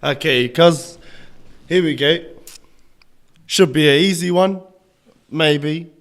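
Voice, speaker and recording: A man's voice: on the high side, takes it slowly, a bit bright. A man with a broad New Zealand Māori English accent, co-hosting a podcast with jokey, slangy banter. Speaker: podcast co-host. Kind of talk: casual banter.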